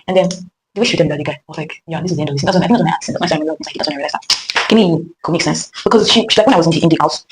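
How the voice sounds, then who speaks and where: A woman's voice: lowish voice, racing, heavy background noise. A young woman with a Nigerian accent, rambling chattily through a casual storytime monologue with many fillers and restarts. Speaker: vlogger.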